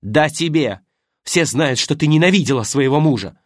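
A woman's voice: deep voice, lively intonation, measured pace, sharp tone, no room sound, clean studio sound, voice pushed up, heavily acted. A man reading an audiobook voices a meek accountant's wife who suddenly snaps and scolds sharply. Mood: scolding.

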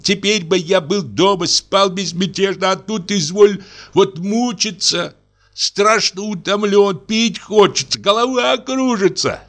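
A man's voice: high voice, measured pace, a bit bright, voice pushed up. A man reading an audiobook, voicing a tired middle-aged guest who grumbles in exasperation. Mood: exasperated.

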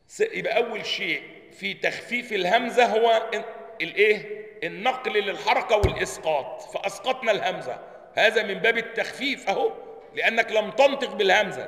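Egyptian sheikh, male, sharp tense tone, drills pronunciation and quizzes students, roomy reverberant space. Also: high-pitched. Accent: Egyptian Arabic. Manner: quizzes listeners with repeated questions, drills pronunciation aloud. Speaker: sheikh teaching Quran sciences. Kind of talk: religious lesson explaining a text. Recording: long hall reverb, roomy.

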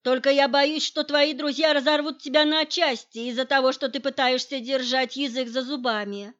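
A woman's voice: high voice, steady tone, moderate pace, a bit bright, dull audio, pitched above the performer's own voice. A woman reading the lines of a smirking mafia man who mocks the others. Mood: mocking. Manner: sneering, mocking.

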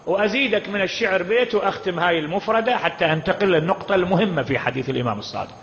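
A man's voice: sits high, animated, very fast, a bit bright, a little hiss or hum. A man with an Iraqi accent preaching an impassioned mourning sermon, firing off rhetorical questions at the gathering. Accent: Iraqi Arabic. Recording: dull, reverberant hall recording.

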